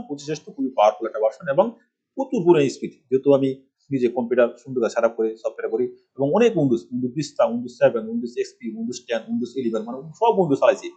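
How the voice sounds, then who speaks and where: A middle-aged Bangladeshi man, working as a computer course instructor, gives a rambling screen-recorded computer tutorial from a village home, posing rhetorical questions along the way. His voice is medium in pitch, dark and husky, and the sound is lo-fi.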